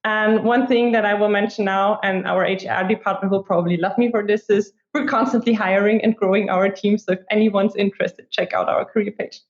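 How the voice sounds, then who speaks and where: A woman's voice: medium pitch, fairly even intonation, a little fast, hardly any pauses. Young Austrian-born woman, chatty, echoey. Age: 20s. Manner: chatty, lots of "like" fillers. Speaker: guest, product marketer. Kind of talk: casual interview talk. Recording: echoey room, dull lo-fi sound.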